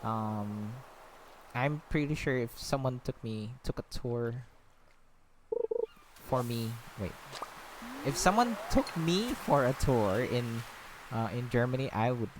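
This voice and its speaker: A man's voice: fairly low pitch, background noise. A man from the Philippines chatting casually while playing a game, rambling with lots of ums and a slightly breathless voice. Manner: rambling, many fillers, easily sidetracked. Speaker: gaming vlogger.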